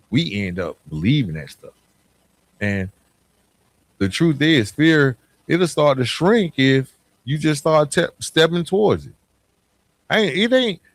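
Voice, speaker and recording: A husky, medium-pitched man, recorded with no room sound, delivers motivational podcast talk in plain colloquial terms, speaking emphatically and sincerely to the listener.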